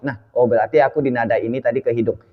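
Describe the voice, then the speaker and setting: A man's voice: medium pitch, fairly even intonation, racing, long reverb tail, phone-quality sound. A man giving a vocal lesson, often asking "ya kan?" and breaking into short sung demos. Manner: checks in often with "ya kan?" and sings short demo notes. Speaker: vocal coach.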